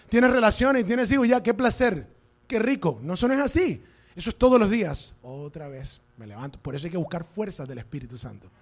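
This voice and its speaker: High-voiced preaching pastor. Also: male voice. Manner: emphatic preaching, switching into English phrases. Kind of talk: sermon. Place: church before a congregation.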